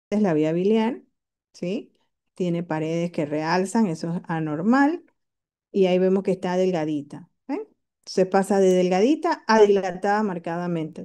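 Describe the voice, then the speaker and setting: A woman's voice: lowish voice, mellow. A woman lecturing on medical imaging, walking students through scans and checking in with frequent questions. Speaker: radiology teacher.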